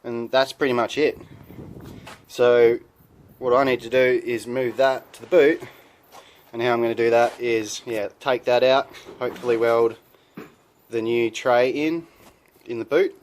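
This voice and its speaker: A man's voice: medium pitch, steady tone, measured pace, pauses often. Laid-back New man, noisy recording. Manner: laid-back, colloquial, plain-spoken. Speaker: host of a DIY car video. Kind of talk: casual hands-on DIY vlog narration.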